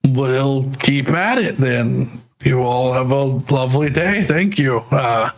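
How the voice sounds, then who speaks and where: A polite, grateful hired worker from a tabletop game, as a man puts him on. He speaks slowly and haltingly, with many small pauses. His voice stays close to a plain everyday voice. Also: mid-range voice.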